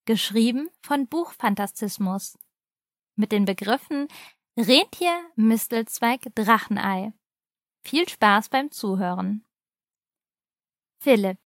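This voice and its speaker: A woman reading a children's advent story aloud in a calm, steady storybook manner. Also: fairly high pitch, takes it slowly, pauses often, no room sound, studio quality.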